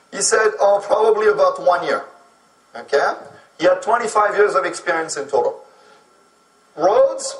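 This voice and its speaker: High bright man lecturing in an echoey room. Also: distant mic. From France. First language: French. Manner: explanatory, keeps asking "okay?". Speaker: speaker on immigrant employment. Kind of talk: lecture to an audience.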